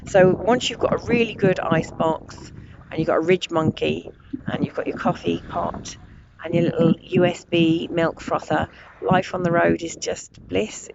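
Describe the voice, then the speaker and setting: A middle-aged woman chatting enthusiastically and rambling through stories in a casual travel vlog. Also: sits low. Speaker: vlogger. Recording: muffled lo-fi audio with clear background noise.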